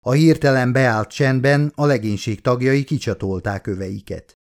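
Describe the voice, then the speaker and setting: A man reading his own audiobook from Hungary in a steady narrating voice, acting out the dialogue with lively lifts. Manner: acts out crew dialogue with raised pitch and excitement.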